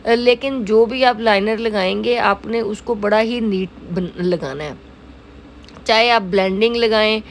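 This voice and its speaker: A woman's voice: on the high side, a little hiss or hum. A middle-aged woman with a Pakistani Urdu accent, a makeup artist narrating a casual tutorial, talking in a chatty way with many filler phrases. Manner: chatty, repeats "jo hai woh" fillers. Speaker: makeup artist and salon owner.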